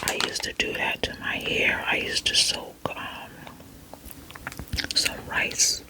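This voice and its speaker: An ASMR creator whispering casually to viewers, rambling and hesitant as if thinking aloud. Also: slow.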